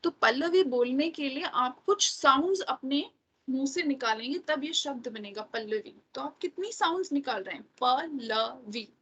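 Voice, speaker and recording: A woman's voice: high voice, expressive, moderate pace, fairly bright tone, rough recording. A woman teacher, explaining exam material step by step and often checking in with "right?". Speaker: English teacher. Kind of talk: exam-prep lecture in Hindi and English.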